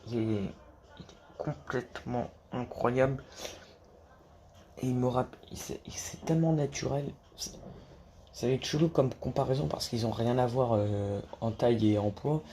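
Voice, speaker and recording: A basketball YouTuber talks casually to camera about the sport, rambling with lots of restarts and casual swearing. His mid-range, mellow voice runs a little slow, with slight background noise.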